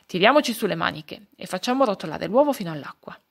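A woman's voice: mid-range voice, animated, quick pace, vocal fry. Old male forest elder, stern, scolding, storybook figure, woman acting.

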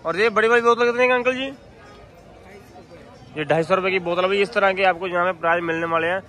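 At a busy outdoor street market, a male vlogger runs a repetitive, sales-like commentary for his viewers and asks vendors their prices. His high voice is bright and forceful, and he talks briskly.

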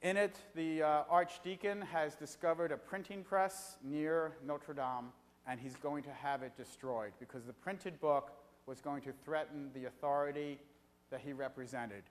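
A middle-aged man giving an evening lecture in a conversational way, pausing often on filler sounds. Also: a little high, steady tone. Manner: conversational, frequent filler pauses. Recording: reverberant hall.

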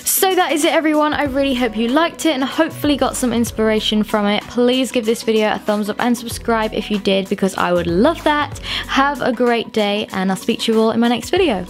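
Upbeat woman, fairly high voice. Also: brisk. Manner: friendly and upbeat, gives practical tips. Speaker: fashion vlogger. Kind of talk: scripted lookbook voice-over. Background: faint music.

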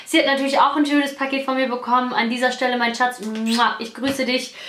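A young woman vlogging an unboxing in a gushing, excitable way. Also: high-pitched, a little fast. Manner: gushing, excitable, squeals and laughs over gifts. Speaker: beauty vlogger. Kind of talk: casual unboxing vlog. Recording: echoey room, faint noise.

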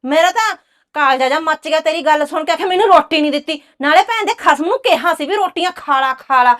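A woman playing a sharp-tongued scolding housewife. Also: high-pitched, fairly quick. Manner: scolding, cursing. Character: sharp-tongued village housewife, angry and proud. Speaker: actress. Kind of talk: village drama dialogue.

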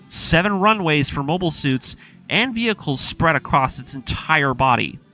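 A video essay host with a fairly high, bright voice delivers a scripted story breakdown in a forceful tone. He's informal, opinionated and emphatic, tossing in casual asides. Music plays in the background.

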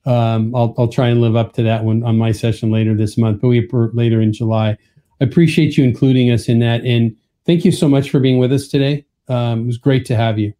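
A man's voice: medium pitch, fairly even intonation, a little fast, mellow. A man co-hosting a podcast, friendly and casual, often repeating words as he starts a thought. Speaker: podcast co-host. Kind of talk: casual chat.

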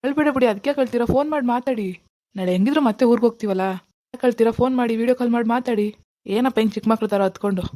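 A woman voicing a gentle, coaxing young husband. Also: on the high side, very fast, natural voice. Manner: coaxing, reassuring.

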